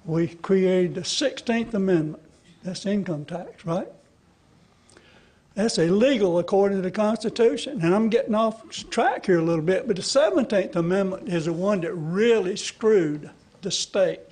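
A man in his 70s or older, a citizen activist, addresses a legislative committee from a podium gooseneck microphone in a large indoor hearing room with a seated audience. His folksy, rambling testimony often checks in with listeners, delivered at normal speed in a high-pitched voice that is a little mellow and slightly rough.

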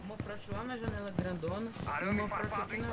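A man with a Brazilian Portuguese accent in gaming voice chat, barking rapid, slangy callouts to his squad. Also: high-pitched, steady tone, music in the background. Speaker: streamer calling plays.

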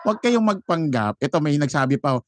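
A man's voice: on the high side, big pitch swings, fast talker, no room sound, clean studio sound. A Filipino man giving a casual, mocking commentary on a live stream, laughing often and mimicking chants. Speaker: vlogger commenting on a rally.

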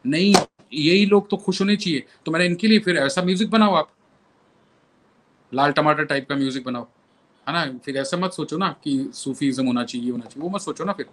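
A man's voice: fairly high pitch, expressive, brisk, fairly bright tone. A male violinist and composer telling anecdotes as an interview guest, repeating phrases for emphasis.

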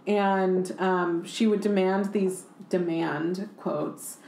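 A young woman podcast host chatting casually, animated and swearing freely, with "like" in nearly every sentence. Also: fairly low pitch, slow, gravelly, a little hiss or hum. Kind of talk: casual chat. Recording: roomy echo.

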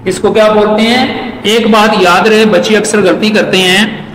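A man teaching an exam-prep class, repeating each point and reading English lines slowly. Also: high-pitched, steady tone, fairly bright tone. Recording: echoey hall with faint noise.

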